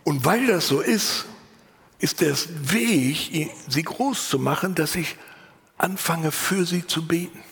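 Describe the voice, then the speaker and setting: A pastor preaching a sermon, earnest and lively, sometimes dropping to a whisper and then rising for emphasis, with a voice he himself calls unusual. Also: fairly high pitch, long reverb tail. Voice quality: husky. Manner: earnest, varied, drops to whispers and rises for emphasis. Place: church.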